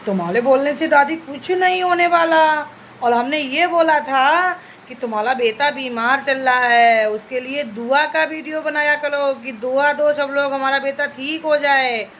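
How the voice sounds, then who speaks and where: A woman's voice: high-pitched, a little slow, fairly bright tone, slight background noise. A woman vlogger, scolding and taunting an older woman in a reply video.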